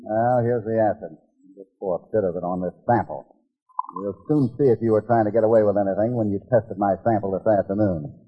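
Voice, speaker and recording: An actor playing a calm, shrewd American cowboy hero in an old western drama, speaking with assurance. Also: male voice, lowish voice, fairly quick, breathy edge. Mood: firm. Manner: assured, explanatory. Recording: tinny, band-limited vintage soundtrack.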